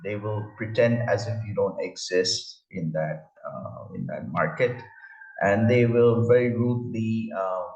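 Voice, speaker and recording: Low man from India, vlog slideshow voice-over, halting with fillers; roomy, dull lo-fi recording. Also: darkish tone, far from the mic, faint music behind. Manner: hesitant, many fillers. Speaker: travel vlogger. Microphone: voice-over, face not shown.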